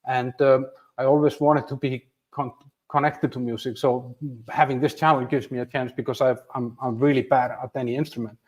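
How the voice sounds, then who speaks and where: A man in his fifties from Iceland hosts a livestream from his home, a flag visible behind him. His voice is mid-range with fairly even intonation and a moderate pace, and he talks to viewers in a chatty, self-deprecating way, restarting often.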